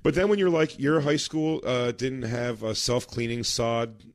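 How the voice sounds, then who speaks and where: A man's voice: medium pitch, steady tone, unhurried, no echo, studio quality. A man co-hosting a podcast in casual chat, a telling rambling stories and laughing mid-sentence. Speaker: podcast co-host.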